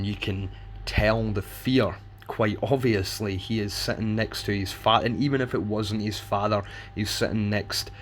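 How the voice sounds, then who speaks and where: A man's voice: fairly low pitch, slight background noise. A man giving casual, unscripted commentary in a blunt, rambling, sweary way. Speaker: narrator explaining a violent video.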